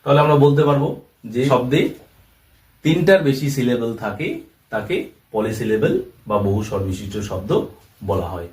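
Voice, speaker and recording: A man's voice: medium pitch, moderate pace, pauses often, darkish tone. A man explaining a language lesson step by step, repeating each term and example. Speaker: English teacher. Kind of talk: classroom-style lesson explanation. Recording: roomy echo, voice from far off the mic.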